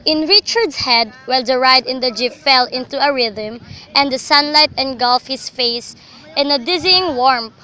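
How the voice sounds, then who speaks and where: A young adult woman narrates a scripted radio drama as a storyteller, her high voice carrying a bright, forward edge. She keeps a moderate pace, though the recording is rough.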